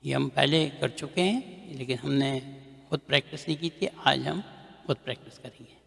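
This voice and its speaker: Gravelly man drilling grammar in echo. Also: mid-range voice. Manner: chants word paradigms loudly in a steady rhythm. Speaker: Arabic grammar teacher. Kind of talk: recorded lecture with recitation drills.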